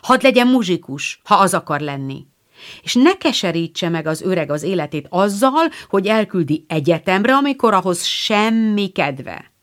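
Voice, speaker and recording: A woman's voice: lowish voice, sing-song. A woman reading the lines of a blunt, spirited teenage girl in an audiobook. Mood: impatient.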